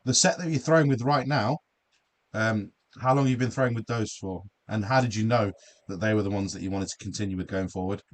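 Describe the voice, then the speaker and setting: A man's voice: on the low side, fast. A man from the UK hosting a live darts stream from his home studio shed, chatty and jokey, reading out comments from viewers. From United Kingdom. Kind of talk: casual chat.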